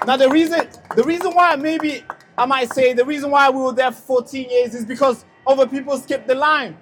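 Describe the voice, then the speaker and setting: A young man with a strikingly high voice speaks at an outdoor street rally. He was born in a refugee camp in Tanzania. He tells a story emphatically and keeps restarting with "now". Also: fairly even intonation, fairly quick, fairly bright tone, soft background music. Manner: emphatic storytelling with many repeated lead-ins.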